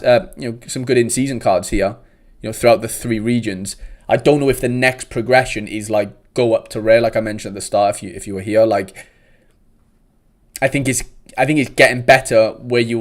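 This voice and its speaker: He's a young livestream host with a South Welsh accent, chatting laid-back with viewers and often calling them "mate." His voice is mid-range, steady in tone, and a little fast.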